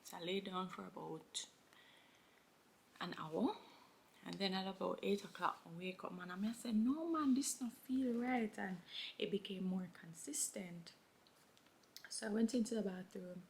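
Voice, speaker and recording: Chatty young woman with a gravelly voice. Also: fairly low pitch, unhurried, long pauses, slight background noise. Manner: chatty, animated, many fillers. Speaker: vlogger. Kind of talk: casual storytelling while doing makeup. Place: at home.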